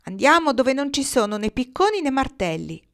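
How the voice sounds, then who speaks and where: A woman reader gives a cheerful, firm young boy riding with the geese, in a raised storybook voice. He calls out his replies slowly and loudly in a sing-song refrain. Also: a little high, lively intonation, voice pushed up. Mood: calling, firm.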